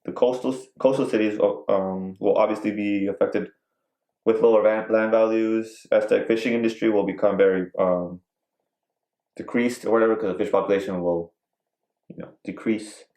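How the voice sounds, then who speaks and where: Low-voiced rambling man in an echoey room. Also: steady tone, normal speed, mellow. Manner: rambling, filler-heavy, joking. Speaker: podcast co-host. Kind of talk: casual chat.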